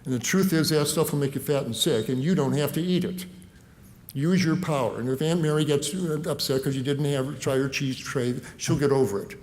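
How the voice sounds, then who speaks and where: A man, a physician, giving a lively, conversational health lecture that talks the listener through everyday food choices. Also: mid-range voice, a little fast. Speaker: physician giving a nutrition talk.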